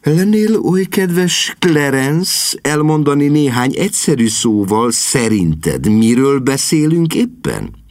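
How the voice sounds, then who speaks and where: A man's voice: medium pitch, wildly swooping pitch, vocal fry, darkish tone, breathy edge, dry recording, pitched above the performer's own voice, exaggerated voice. A man reading an audiobook voices a haughty aristocratic lady, agitated and commanding. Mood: exasperated. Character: haughty aristocratic lady, middle-aged, imperious.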